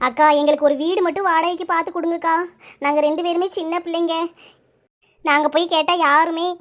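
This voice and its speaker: A woman voicing a mistreated young village woman in her twenties in a cartoon, telling her hardships in a tearful, pleading way. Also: very high-pitched. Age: 20s. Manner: tearful, pleading, rapid storytelling. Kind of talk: cartoon voice acting.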